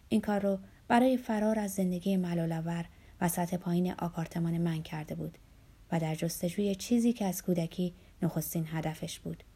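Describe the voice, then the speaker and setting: A woman reading a first-person novel aloud in a measured storytelling manner. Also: fairly low pitch, dark tone, slightly rough. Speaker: audiobook narrator. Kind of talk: scripted first-person narration.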